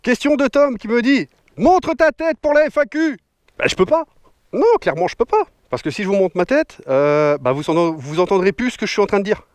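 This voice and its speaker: A man in his thirties from northern France, who vlogs about motorcycles, answers viewer questions outdoors in a jokey, slangy manner. He has a high voice with lively intonation and a brisk pace. The action camera mic records no room sound.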